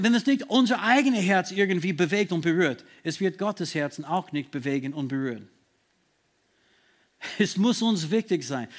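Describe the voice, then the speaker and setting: High-voiced man preaching earnestly. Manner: earnest, emphatic preaching, often slowing for stress. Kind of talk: sermon.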